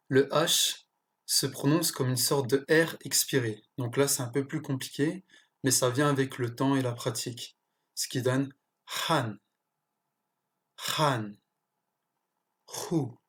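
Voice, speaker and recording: A teacher slowly explaining pronunciation, pausing often and correcting small slips along the way. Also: medium pitch, fairly bright tone. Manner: slow, careful explanation with pauses and self-corrections. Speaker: language teacher.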